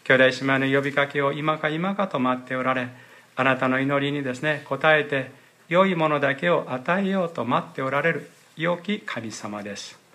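A man's voice: medium pitch, moderate pace, bright, forceful tone. A man preaching as pastor at a church service, earnest and often padding his phrases with little fillers. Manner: earnest, pads phrases with "desu ne". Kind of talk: sermon.

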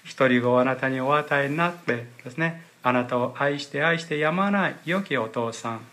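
Pastor type, male, forceful bright tone, earnest sermon delivery with frequent fillers, church service. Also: medium pitch, moderate pace. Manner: earnest, pads phrases with "desu ne".

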